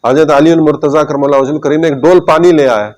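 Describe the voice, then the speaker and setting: A man preaching a devotional sermon. He retells stories with feeling, repeats phrases for effect and drops low and soft at the saddest parts. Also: fairly even intonation.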